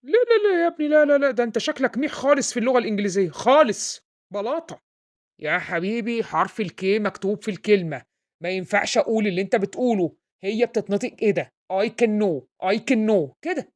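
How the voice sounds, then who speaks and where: A woman with a mid-range natural voice talks fast while acting out a comedy sketch. She's a bombastic Egyptian father, accent and all, who mangles English and hurls insults at his son as he teaches him.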